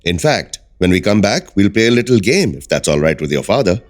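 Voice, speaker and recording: In an audio drama, an actor with a low male voice plays a calm, persuasive research doctor. His delivery is measured, polite and soothing, with a friendly, gentle mood.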